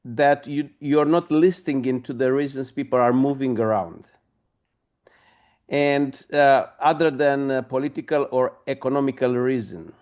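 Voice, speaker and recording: A middle-aged male pastor with a Romanian accent asks a long, halting question at a discussion, pausing often and using many fillers. His voice is medium in pitch with a darkish tone.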